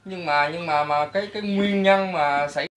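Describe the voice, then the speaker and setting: A man's voice: a little high, normal speed, a bit bright, a little hiss or hum. A man, asking polite, hesitant interview questions. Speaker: interviewer, host.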